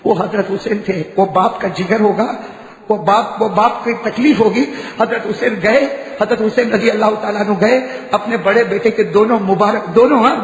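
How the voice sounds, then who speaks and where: A man preacher giving an impassioned sermon, repeating phrases, asking the gathering questions and swinging from hushed tones to shouts. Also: sits high. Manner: asks the crowd questions and addresses them as dear ones. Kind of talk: Muharram sermon. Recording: echoey hall reverb.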